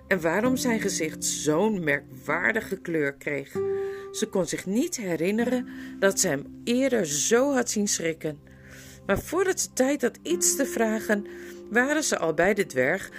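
A woman narrating a children's storybook aloud with expressive, measured delivery. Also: mid-range voice.

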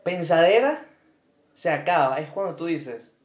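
A young man with a Venezuelan accent co-hosting a podcast in casual chat. He is slangy and quick to chime in. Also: on the high side, animated. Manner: slangy, laughs easily, chimes in. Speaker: podcast co-host. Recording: roomy echo.

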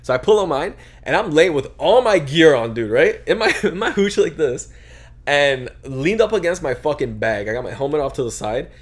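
A man's voice: on the high side, normal speed. Young man telling a profane story. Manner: profane, animated storytelling with slangy filler. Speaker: podcast co-host. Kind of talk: casual chat.

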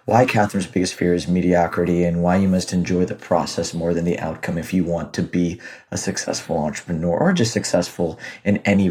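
A podcast host with a low, slightly mellow voice conducts a casual interview with a guest in an apartment. He comes across as upbeat and enthusiastic.

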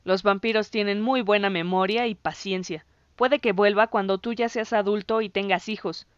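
A woman voicing an excitable boy who stammers and shouts insults at his friend. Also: mid-range voice, normal speed, clear, resonant tone, no echo, highs cut off, lightly acted. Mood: wry.

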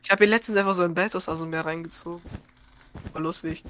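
A young gamer chatting casually and excitably, full of slang, with the voice jumping up when surprised. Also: fast, slight background noise. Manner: excitable, slangy, jumps up in pitch. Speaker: gamer and podcaster. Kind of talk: casual gaming chat.

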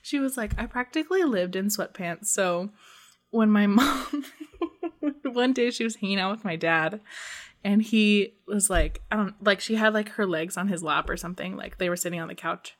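A woman's voice: medium pitch, normal speed. A young adult woman in casual chat, telling funny stories with frequent laughter and lots of "like". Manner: giggly storyteller, lots of "like" and laughter.

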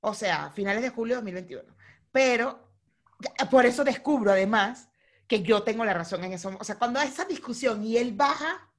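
Young Venezuelan woman co-host, lively and talkative, a bit high-pitched. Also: brisk. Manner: animated, repetitive, laughing often. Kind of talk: casual chat, acting out a mock argument.

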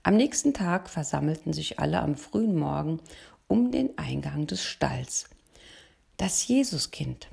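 Gravelly, husky woman reading a story. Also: lowish voice, mellow. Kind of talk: reading a children's story aloud.

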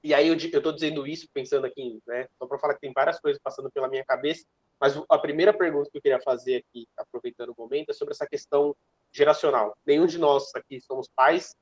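A young man talks quickly in a fairly high voice. He hosts a casual podcast interview, stringing his questions together with many asides. The mic sounds dull and very dry. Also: fairly even intonation, no echo. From São Paulo, Brazil. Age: 20s. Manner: long, winding questions full of asides. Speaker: podcast host.

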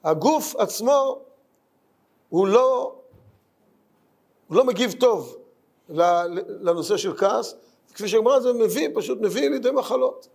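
A man's voice: high-pitched, animated, creaky, long pauses, darkish tone. A man giving a Talmud lesson in an earnest way, asking rhetorical questions and repeating his points. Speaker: Torah teacher.

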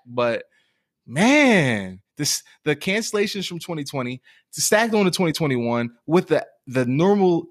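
A man's voice: fairly high pitch, a bit bright. A man in his twenties co-hosting a podcast, talking casually and rambling with lots of fillers and restarts. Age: 20s. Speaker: podcast co-host. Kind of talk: casual chat.

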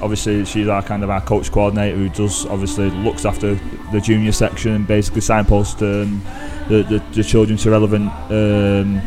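A man with a northern English, British accent talks casually as a podcast guest. His voice is fairly low and stays level, with hesitant phrasing. Music plays behind him. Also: monotone, brisk, hardly any pauses. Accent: northern English, Greater Manchester. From Greater Manchester, England. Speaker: podcast guest, club runner.

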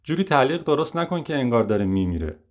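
A man's voice: mid-range voice, very animated, pitched above the performer's own voice, natural voice. A man voicing a blunt, pushy male producer in an audiobook reading. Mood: bossy.

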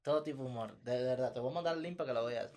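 A man's voice: medium pitch, very fast, darkish tone. Emphatic man podcast co-host. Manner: emphatic, repeats himself. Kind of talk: casual chat.

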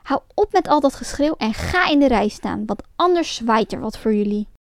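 A woman voicing a gruff, frightening male puppet master who barks orders. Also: a little high, expressive, normal speed, no echo, studio quality. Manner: bossy, shouting.

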